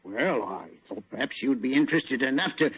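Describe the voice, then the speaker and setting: A man's voice: medium pitch, expressive, a little fast, slightly rough, dry recording. A man playing a chatty, deferential British police inspector in an old-time radio drama, speaking colloquially and a little hesitantly. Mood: confiding. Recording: noisy narrow-band old radio recording.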